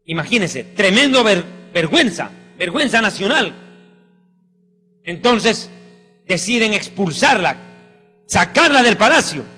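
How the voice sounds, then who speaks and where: A man preaches a fiery sermon, his voice high and bright as it rings through a long-reverb hall. Faint music plays softly underneath him. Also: very animated, a little slow, pauses often. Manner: fervent, exclamatory preaching.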